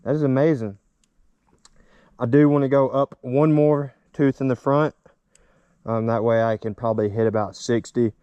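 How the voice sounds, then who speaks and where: A man's voice: medium pitch, steady tone, normal speed, pauses often, mellow, clean tone, no echo. A man vlogging casually while riding a small dirt bike, his voice muffled inside a helmet and picked up by a camera on his chest. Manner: rambling, chatty, upbeat. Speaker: motovlogger. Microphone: chest-mounted action camera.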